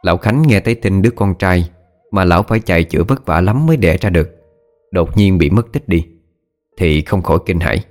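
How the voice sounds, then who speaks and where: Deep-voiced man narrating a horror story. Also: animated, a little fast, a little mellow. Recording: faint background music.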